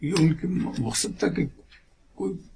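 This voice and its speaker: Gravelly high-pitched indignant man. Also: expressive, takes it slowly, warm tone, a little hiss or hum. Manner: aggrieved, indignant, rhetorical questions.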